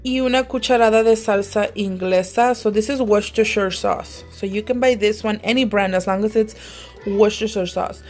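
In her home kitchen, a young woman films a cooking vlog on a handheld phone camera, chatting casually as she cooks and mixing English with Spanish. Her voice is medium-pitched, slightly mellow and at normal speed, with soft music in the background.

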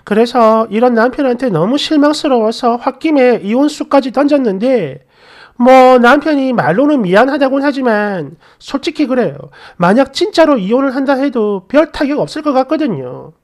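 A middle-aged woman tells her story in the first person, indignant and confiding, turning to the listener as if to win them over. Her voice is high and swoops animatedly through every complaint. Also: animated, moderate pace.

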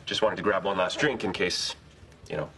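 A shameless flirt in a bar, rolling out cheesy lines in a smooth, fairly low voice. He talks with easy, unembarrassed confidence. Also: steady tone, moderate pace, sharp tone, a little hiss or hum. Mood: flirty. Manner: smooth, cheesy pickup-line delivery. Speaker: sitcom character. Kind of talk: scripted sitcom acting.

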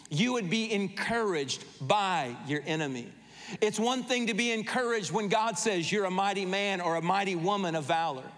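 A man in his fifties preaches with fervent emphasis, hammering repeated phrases. His voice sits high for a man. It rings out through a handheld microphone with the long reverb of a large church auditorium. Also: fairly bright tone. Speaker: pastor. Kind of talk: sermon.

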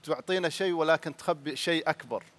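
A man, a judge on a televised singing competition, giving appreciative feedback with drawn-out hesitations. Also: on the high side, a bit bright. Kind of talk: on-air critique.

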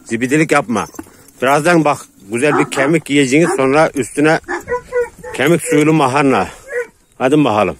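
A somewhat high-pitched man chats in a rough, joking way while he feeds his dogs outdoors. The recording carries clear background noise and barking dogs. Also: fairly quick. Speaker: vlogger feeding his dogs. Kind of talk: casual outdoor vlog talk to viewers and dogs.

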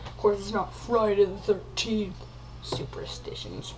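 A woman's voice: fairly high pitch, slow pace, noisy background. Melodramatic mock-scared woman vlogger. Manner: mock-frightened, melodramatic, repeats words. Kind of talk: comedic vlog.

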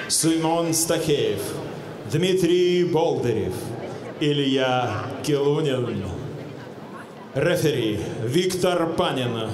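Slow, booming male ring announcer, echoing arena. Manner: deliberate phrasing, drawn-out names. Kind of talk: booming stage introduction of boxers. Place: large indoor boxing arena. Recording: echoey arena PA with ambient noise.

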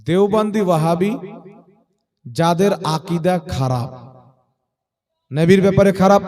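A male preacher with a Jharkhand Bengali accent fields questions before a gathering. His voice sits high for a man, and he drives each answer home with rhetorical questions to his listeners. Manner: forceful, rhetorical, repeatedly checks the crowd's understanding.

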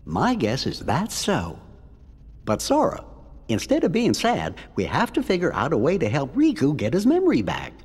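Jiminy Cricket, a folksy cricket. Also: male voice, fairly high pitch, huge pitch swings, normal speed, breathy edge, big-room sound, full character voice. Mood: reassuring. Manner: gentle, reassuring, folksy. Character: kindly little male cricket conscience. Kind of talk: video game cutscene dialogue.

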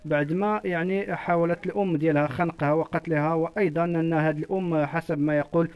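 A man's voice: on the high side, fairly even intonation, fast, a little mellow, clear, resonant tone. A man with a Moroccan accent giving a live field report, hesitant and full of fillers. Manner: filler-heavy, hesitant delivery. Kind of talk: live street report and interview.

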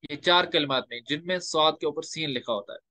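A man teaching Quran recitation rules in a lecture, explaining step by step and slowing down to recite example verses. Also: fairly high pitch, pushed and bright, no echo.

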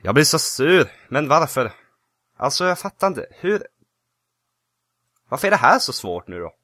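A man giving casual, excitable gameplay commentary who yelps and shouts when he panics. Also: a little high, no room sound. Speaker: let's play host.

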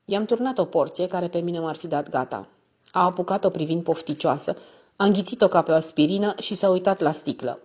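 A woman reading a novel aloud as a steady, measured first-person narrator. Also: on the low side. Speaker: audiobook narrator. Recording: slightly muffled recording.

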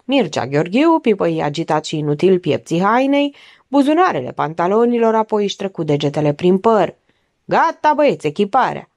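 A woman's voice: very animated, a little mellow, dry recording. A woman narrating an audiobook expressively, changing her voice to act out the characters. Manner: acts out characters with big pitch jumps. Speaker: audiobook reader.

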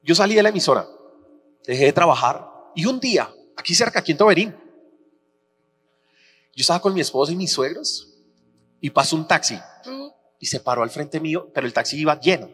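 A man preaching a sermon as pastor, telling personal stories animatedly and acting out the dialogue with shifting pitch. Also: expressive, a little fast, long pauses, a bit bright, faint music behind. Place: church auditorium. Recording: reverberant church hall with faint hum.

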